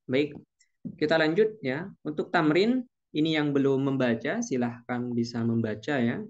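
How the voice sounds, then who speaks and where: A man's voice: mid-range voice, a little slow, long pauses, a little mellow, muffled recording. A man teaching an online Arabic class, patiently drawing out each Arabic phrase.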